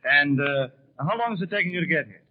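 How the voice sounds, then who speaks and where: In a tinny, narrowband 1930s radio broadcast from a convention hall broadcast room, an American man conducts live news interviews. His voice is a little high, expressive and fast, and his questions are formal and courteous.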